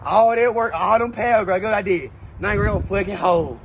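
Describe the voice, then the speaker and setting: A young man with a very high voice rants boastfully through a comedy skit, swearing constantly. Loud street noise hums behind him on an outdoor recording. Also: fairly quick. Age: 20s. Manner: loud boastful ranting, heavy profanity. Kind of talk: brash comedic skit ranting.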